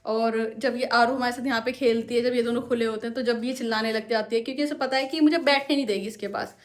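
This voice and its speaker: A woman's voice: fairly high pitch, fairly even intonation, fast. A young woman vlogger at home, chatting at length about her pets and answering her own rhetorical questions. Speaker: vlogger and parrot owner. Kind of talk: casual explanatory vlog talk. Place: at home indoors.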